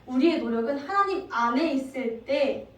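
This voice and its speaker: A woman evangelist giving a sermon, telling the story lively and asking the congregation many questions. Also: high voice, moderate pace. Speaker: evangelist preacher. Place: church sanctuary. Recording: very echoey hall, distant mic.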